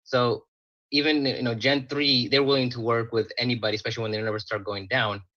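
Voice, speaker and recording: Guy on a video call, halting, lots of you know, bright voice, kinda lo-fi sound. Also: mid-range voice, steady tone, dry recording. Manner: halting, filler-heavy. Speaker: former contestant. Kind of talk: casual video call chat. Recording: slightly dull lo-fi audio.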